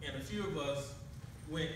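A man's voice: a little high, moderate pace, noisy background. Echoey preaching man in church. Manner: preaching with call-and-response, pacing the stage. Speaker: minister. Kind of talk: sermon. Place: small church hall. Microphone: handheld mic. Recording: echoey church recorded from far off.

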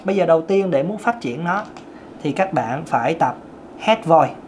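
A vocal coach gives a casual singing lesson, chatting directly to his viewers and demonstrating different vocal registers as he explains them. His voice is a little high and animated at a moderate pace, with slight background noise.

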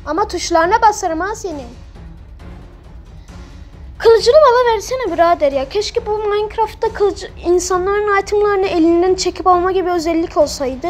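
Super high-pitched woman gamer, blunt and excitable, bit of music in the background. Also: normal speed. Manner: excitable, blunt, mouthy trash talk at other players. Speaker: gamer playing on a role-play server. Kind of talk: live let's-play commentary.

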